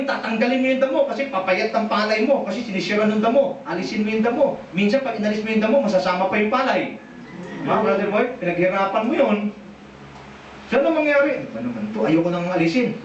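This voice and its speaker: A man with a Filipino accent preaching a sermon, animated and asking the congregation questions. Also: high voice, quick pace, a little hiss or hum. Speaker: pastor. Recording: echoey church, distant dull mic.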